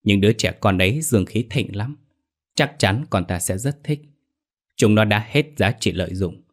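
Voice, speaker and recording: A cruel male demon master gives his orders in a cold, commanding low voice, as a man reads him out. He wants power and treats people as food. It plays like a horror audio story. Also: animated, moderate pace. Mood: cold, scheming.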